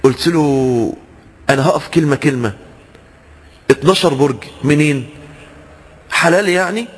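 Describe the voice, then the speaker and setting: A man's voice: fairly high pitch, moderate pace, breathy edge, in a large hall. A man with an Egyptian accent preaching a sermon, asking rhetorical questions and acting out the people he quotes. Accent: Egyptian Arabic. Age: young adult.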